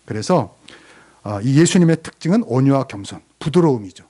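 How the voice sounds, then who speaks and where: A man's voice: medium pitch, expressive, fairly quick, warm tone, breathy edge. A male pastor preaching a sermon, quizzing the congregation with questions and answering them himself.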